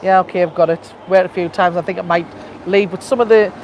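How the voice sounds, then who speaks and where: A woman's voice: lowish voice, fairly even intonation, fast talker, a little mellow, slight background noise. A woman co-hosting a casual live stream outdoors, chatting and laughing easily. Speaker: co-host. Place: outdoors in a seaside town.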